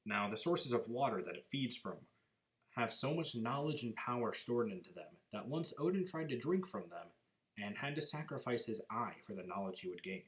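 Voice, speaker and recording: A man's voice: mid-range voice, expressive, normal speed, rough recording. A man narrating myths in an explanatory storytelling manner, as an informal lesson.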